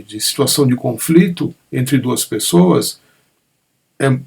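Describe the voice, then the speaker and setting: A man with a somewhat high, gravelly and husky voice gives an unhurried spiritual talk. He explains patiently and keeps checking in with his listeners. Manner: gentle, frequent "né?" tags, calm explanatory pacing. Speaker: spiritual teacher leading an online satsang. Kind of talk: unscripted spiritual talk answering questions. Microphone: online meeting microphone.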